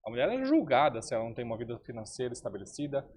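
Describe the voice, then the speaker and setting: A man hosting a podcast, mostly giving quick, brief replies to his guest. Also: mid-range voice, wildly swooping pitch, a little mellow, slight background noise. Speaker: podcast host. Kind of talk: podcast conversation.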